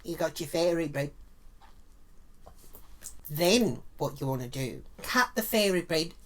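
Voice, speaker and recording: A woman's voice: low-pitched, animated, a little slow. A woman with an Australian accent telling a crude story and giving a cooking tutorial, swearing bluntly all the way through. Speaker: vlogger.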